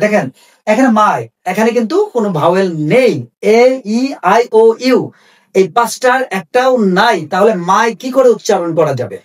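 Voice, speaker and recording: A man teaching an English lesson. He asks questions and then answers them, and spells out English phrases slowly. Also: high voice, far from the mic.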